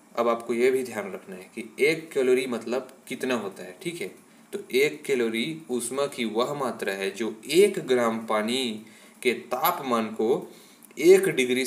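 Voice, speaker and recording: A man's voice: mid-range voice, fairly bright tone. A male teacher giving an exam-prep lesson, explaining step by step, often checking in with "ठीक है" and asking rhetorical questions.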